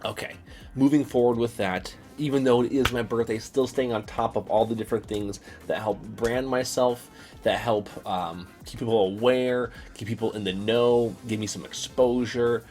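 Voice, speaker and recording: A man's voice: mid-range voice, fairly even intonation, moderate pace, darkish tone, soft background music. A young man talking casually in a vlog, rambling and repeating words with many fillers. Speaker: vlogger.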